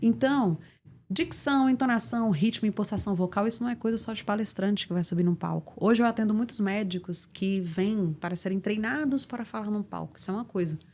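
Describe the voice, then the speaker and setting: This interview guest is a middle-aged Brazilian communication mentor with a Brazilian Portuguese accent, speaking fast in a medium-pitched, slightly mellow voice. Her delivery is assertive, instructive, and emphatic, built around forceful examples.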